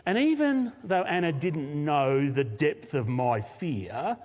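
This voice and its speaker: A man with an Australian accent, a senior pastor, telling a personal story in a live sermon with lively laughs. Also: a little high, slow. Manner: animated storyteller, laughs often. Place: church auditorium, live service. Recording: long hall reverb.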